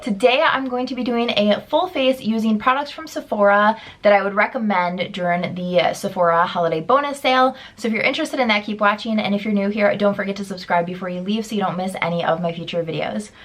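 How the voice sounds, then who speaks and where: Young woman vlogging makeup while sick, stuffy nasal voice, lower energy but chatty. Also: a little fast, few pauses. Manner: lower energy, upbeat product talk. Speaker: beauty vlogger. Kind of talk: casual chat to camera.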